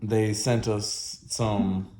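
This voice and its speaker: A man's voice: on the low side, little pitch movement, very slow, warm tone, slight background noise. A man chatting casually in a vlog at his mother's house, assembling furniture and talking to his dog. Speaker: vlogger.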